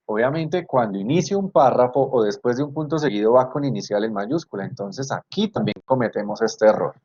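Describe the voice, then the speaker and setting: A man's voice: mid-range voice, expressive, fairly quick, a little mellow, husky. A man with a Colombian Spanish accent, a university tutor who teaches in an online class and goes over student work. He explains step by step, repeats his points and checks that the class is following. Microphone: video call computer mic. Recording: slightly dull lo-fi call audio.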